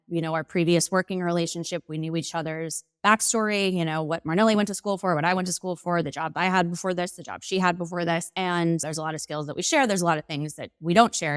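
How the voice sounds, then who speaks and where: Woman co-founder talking it through, calm and thoughtful, lowish voice, dry sound. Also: clean tone, no room sound. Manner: measured, reflective, many "you know" and "right?". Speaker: business co-owner guest. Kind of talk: casual conversational interview.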